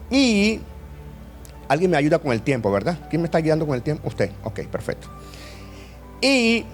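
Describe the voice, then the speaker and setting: A man in his fifties preaches a sermon, bantering with the congregation and asking them questions. His voice sits fairly high for a man. Soft music plays behind him. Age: 50s. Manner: lively, jokes and questions with the audience.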